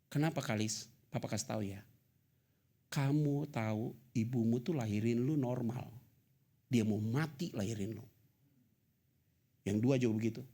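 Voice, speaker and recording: A middle-aged male pastor preaching at a church service, moving between loud, high-pitched emphasis and quiet, low, fatherly asides, with casual slang mixed in. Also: gravelly. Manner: mixes casual slang and English words into his talk. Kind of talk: sermon.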